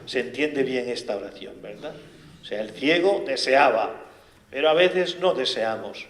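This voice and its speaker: Friar guy talking through a gospel reading, gentle and reflective, roomy echo. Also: mid-range voice, lively intonation, unhurried. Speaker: friar leading a lectio divina. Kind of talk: spoken Bible commentary. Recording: echoey room.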